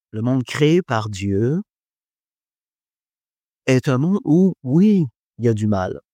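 Speaking at a medium pitch in a mellow voice, a man reflects on faith and philosophy before an audience, hesitant, heavy on fillers, and self-mocking. The recording is dry.

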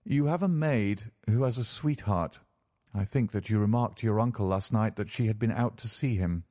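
Sherlock Holmes, composed gentleman detective played by a man. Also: on the low side, close to an everyday voice. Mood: courteous, probing. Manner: measured, formal, probing.

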